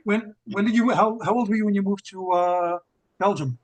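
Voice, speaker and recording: A man hosting an interview, asking quick, rambling questions. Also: high voice, low-quality recording. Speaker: interview host. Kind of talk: interview conversation.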